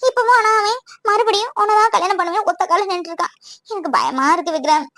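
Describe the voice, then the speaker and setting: Girl doing a hurt young gf voice, super high, talks fast and pleads. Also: pushed and bright, no echo, clean studio sound. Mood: tearful. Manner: complaining, pleading. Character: lonely young girlfriend, tearful and pleading.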